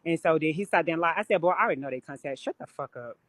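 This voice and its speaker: A woman's voice: deep voice, very fast, a bit bright, slight background noise. Blunt, profane woman telling stories. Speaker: guest on a live stream. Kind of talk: casual live-stream chat. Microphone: phone or webcam on a live stream.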